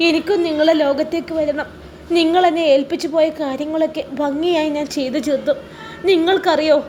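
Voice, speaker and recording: A woman voicing a devoted widowed mother who speaks softly and with emotion in a storybook reading. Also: sits high, slight background noise, lightly acted.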